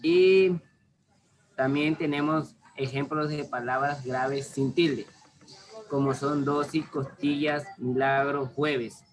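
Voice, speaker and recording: Slow man reading a class presentation. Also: medium pitch, rough recording. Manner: halting reading with small slips. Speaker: student presenter.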